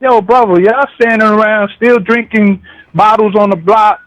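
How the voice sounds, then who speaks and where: High-voiced man talking casually on a radio call-in. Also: steady tone, measured pace, fairly bright tone, dull audio. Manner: slangy, conversational, repeats "you know what I'm saying". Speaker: caller to a radio show.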